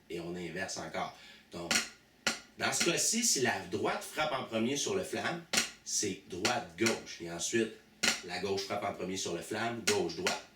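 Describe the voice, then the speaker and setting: A man's voice: fairly low pitch, heavy background noise. A man with a Québécois French accent teaching drums, patiently counting aloud and naming each stroke. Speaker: drum teacher. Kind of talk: drum lesson with demonstrations. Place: drum school studio. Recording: echoey room, mic far off, loud drum hits.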